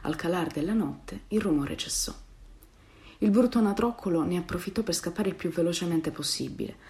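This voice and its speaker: A woman narrating a children's fairy tale in an expressive, storybook manner. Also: fairly low pitch, a little fast. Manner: expressive, softens for sad passages. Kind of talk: storybook reading.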